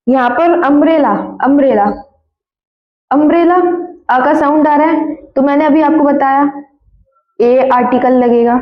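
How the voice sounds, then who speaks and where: A woman teaching a grammar class in a high voice, drilling words over and over and quizzing her students. The recording is dull and lo-fi, and the room rings with echo. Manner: repeats words and keeps asking students questions; corrects her own slips with quick apologies. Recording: echoey room, dull lo-fi sound.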